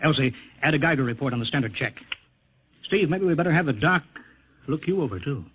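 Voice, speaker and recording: Gruff base chief, tinny vintage radio. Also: male voice, fairly high pitch, lively intonation. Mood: brisk, concerned. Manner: brisk, no-nonsense, doubting. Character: gruff, skeptical male rocket base chief. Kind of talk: 1950s radio drama acting. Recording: muffled old 1950 radio broadcast recording.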